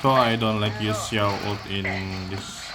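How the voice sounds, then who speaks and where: A man giving casual gameplay commentary from home, talking in a halting way with loose phrasing and many pauses. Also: lowish voice, steady tone. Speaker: gameplay video maker. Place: at home with a cat nearby. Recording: noisy background hiss.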